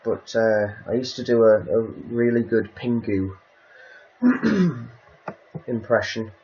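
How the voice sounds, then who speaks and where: A man's voice: medium pitch, lively intonation, takes it slowly, a little mellow, highs cut off, slight background noise. A man chatting casually on a livestream, hesitant and rambling, with many ums and restarts.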